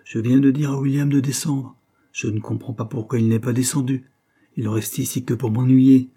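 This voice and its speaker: A man reading an audiobook, voicing a bitter, sharp-tongued young man who lies sulking in bed. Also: medium pitch, steady tone, moderate pace, breathy edge, voice pushed up. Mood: bitter, irritated. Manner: sarcastic, irritated. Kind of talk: audiobook character voice.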